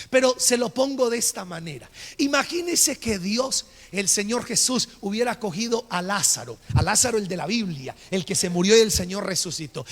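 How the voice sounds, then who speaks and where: Raspy high-voiced Colombian pastor. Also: male voice. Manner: animated, acts out scenes. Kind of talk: sermon. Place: church. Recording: reverberant church hall.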